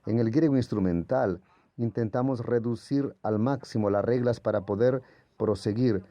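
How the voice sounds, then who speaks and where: A man's voice: mid-range voice, moderate pace, mellow, no room sound, dull audio. A man whose first language is Portuguese gives a patient, explanatory lecture as a Greek language teacher, sounding out letters as he goes. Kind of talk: classroom lecture.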